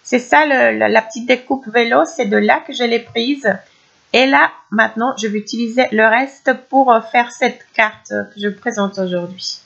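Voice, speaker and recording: A woman's voice: fairly high pitch, moderate pace, vocal fry, fairly bright tone, dull audio. A woman hosting a craft tutorial at home, talking casually with many restarts and fillers.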